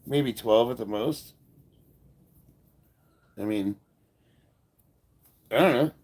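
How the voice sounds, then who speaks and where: Stuffed up with a head cold, this fifty-something American powerlifter runs a casual livestream and answers viewers' comments bluntly, with some swearing. His mid-range voice is slightly mellow and his delivery very slow.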